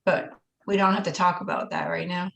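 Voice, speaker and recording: A woman's voice: fairly low pitch, fairly even intonation, fairly quick, gravelly, dull audio. A woman speaking as a board member, making informal remarks at a formal meeting. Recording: echoey room sound.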